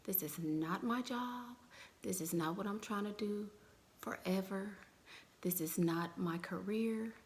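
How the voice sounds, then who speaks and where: A woman vlogging on her phone at home, mostly whispering in a chatty, blunt, slangy way, with a few louder bursts. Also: medium pitch, unhurried, slight background noise. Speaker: vlogger giving dating advice. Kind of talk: casual chat to camera. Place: home, indoors.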